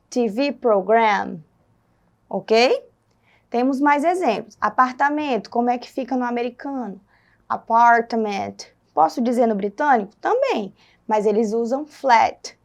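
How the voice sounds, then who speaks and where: A Brazilian woman teacher with a Brazilian Portuguese accent, explaining a recorded lesson step by step and asking the class questions. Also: fairly high pitch.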